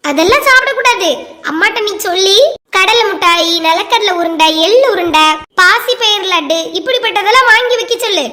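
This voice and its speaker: A woman's voice: extremely high pitch, lively intonation, fairly quick, sharp tone, heavily acted. A woman with a Kanyakumari Tamil accent voicing a stern but kindly female schoolteacher who lectures and chides in a cartoon. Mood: lecturing. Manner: lecturing, chiding. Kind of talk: cartoon voice-over.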